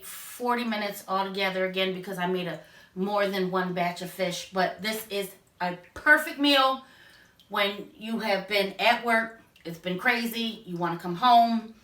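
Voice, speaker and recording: A woman hosts a home cooking vlog with a bright, forward voice. She talks straight to her viewers with chatty enthusiasm. She is picked up from a distance in an echoey kitchen. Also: mid-range voice. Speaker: cooking show host. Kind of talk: casual cooking tutorial.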